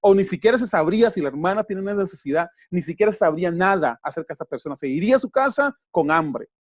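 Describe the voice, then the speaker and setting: A man preaching a sermon, telling stories to the congregation with lively repetition and direct address. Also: high-pitched, fast talker, no room sound, clean studio sound. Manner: animated storytelling, repeats phrases for emphasis.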